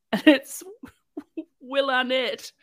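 A woman's voice: sits high, level tone, very slow, fairly bright tone, no room sound. A woman hosting a podcast, walking through an episode in a playful, chatty storytelling way. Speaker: podcast host recapping episodes. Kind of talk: casual chat, episode recap.

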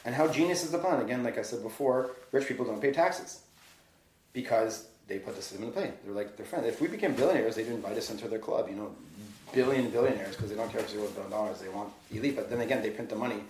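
Male podcast host, rapid heated rambling delivery, echoey room. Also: on the low side, darkish tone, a little hiss or hum. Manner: fast, heated ranting with frequent swearing. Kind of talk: casual conversation. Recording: roomy echo.

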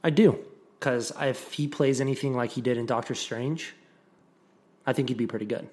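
A man's voice: medium pitch, steady tone, moderate pace, darkish tone. A man talks in a room with hallway-like echo. He is a casual podcast co-host with a mid-range voice, offering opinions in loose, informal banter. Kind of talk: casual chat. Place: new home podcast studio without soundproofing. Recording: echoey untreated studio room.

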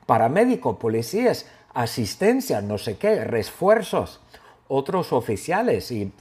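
A man's voice: medium pitch, sing-song, measured pace, darkish tone. A man doing a frantic kangaroo deputy on the radio. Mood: urgent. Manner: urgent, repeating radio calls.

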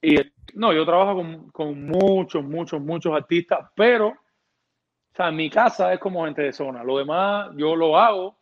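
A man's voice: on the high side, unhurried. A man, a music producer talking casually in an interview, rambling and restarting his words with many fillers. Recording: dull lo-fi sound.

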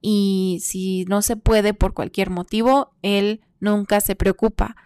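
A woman chats through a personal story, laughing often between phrases. She speaks in a middle pitch and acts out her own worried thoughts in little quoted bursts. The sound is close and dry, with no room around it. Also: fairly even intonation, slow, a little mellow, smooth, no room sound. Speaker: vlogger.

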